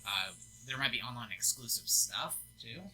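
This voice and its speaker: A man's voice: medium pitch, normal speed, very noisy. A young man, co-owner of a gaming lounge, chatting casually about business plans in an easygoing way, with frequent ums and laughs. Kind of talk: casual business update chat.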